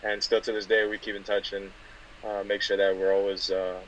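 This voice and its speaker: Young guy from california, low monotone, chill interview answers, bit of hiss in the background. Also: a little fast, muffled recording. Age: 20s. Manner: soft-spoken, many fillers and restarts. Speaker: guest football player. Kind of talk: casual interview.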